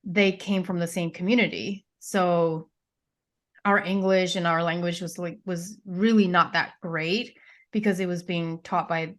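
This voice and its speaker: A young woman whose first language is Pennsylvania Dutch, and who speaks with its accent, tells her life story as a guest on a podcast. Her voice is lowish, steady, unhurried, and a bit bright. She tells it in a chatty, casual interview style, full of fillers and restarts.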